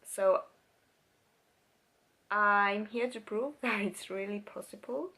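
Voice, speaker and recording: A young Finnish-accented vlogger speaks English as her second language in a casual personal vlog, searching for words and restarting sentences. Her voice is medium-pitched and sharp, her pace slow, and she laughs now and then as she talks.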